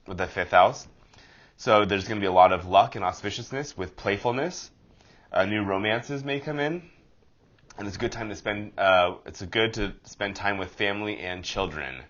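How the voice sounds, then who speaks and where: A man's voice: sits low, fairly bright tone, lo-fi sound. A man with a nasal voice hosting a casual horoscope vlog, chatty and rambling with a self-deprecating streak. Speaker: astrology vlogger.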